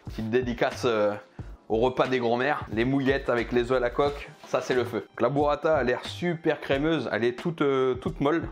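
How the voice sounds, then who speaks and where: A man's voice: medium pitch, moderate pace, faint music behind. A man reviewing pizzas for his food vlog, chatting casually and joking while he eats. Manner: chatty, jokey, eating while talking. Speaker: food vlogger.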